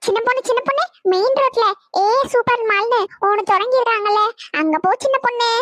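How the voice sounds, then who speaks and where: A woman voicing an excitable, chatty village auntie in a cartoon, talking fussily and repeating herself. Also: very high-pitched, fairly quick, no echo, clean studio sound. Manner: fussy, repetitive, excitable.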